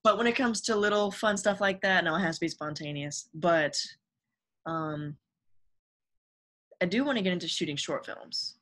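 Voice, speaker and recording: A woman's voice: fairly low pitch, normal speed, long pauses, fairly bright tone. A young adult woman, a guest on a podcast, talking casually and earnestly about her career and giving upbeat advice. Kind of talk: casual interview chat.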